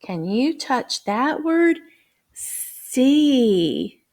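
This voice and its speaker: A woman reading teacher explaining guided reading, slipping into a bright, exaggerated voice when she models talk with young children. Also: mid-range voice. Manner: careful, deliberate phrasing. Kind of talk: teacher training demonstration.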